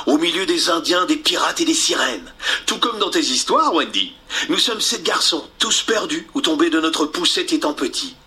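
A man doing a cheeky boy hero from a storybook, voiced high and bright. He brags and teases in quick, playful bursts, full of swagger. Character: cocky adventurous boy who won't grow up.

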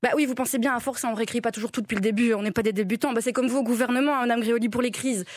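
A woman giving a comic radio column in a studio, halting and full of fillers. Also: on the high side, fairly even intonation, no room sound. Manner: hesitant, stammering, with many fillers. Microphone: studio microphone.

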